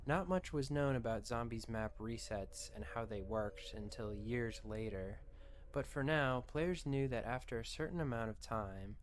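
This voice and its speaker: A man's voice: mid-range voice, a little hiss or hum. A man reading scripted documentary-style narration as the narrator of a video.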